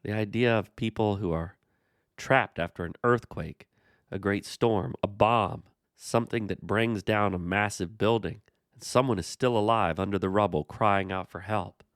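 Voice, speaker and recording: A man hosting a Bible study, explaining the passage in a measured way and speaking to the character directly. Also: on the low side, dry recording, clean studio sound. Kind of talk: scripture commentary dialogue.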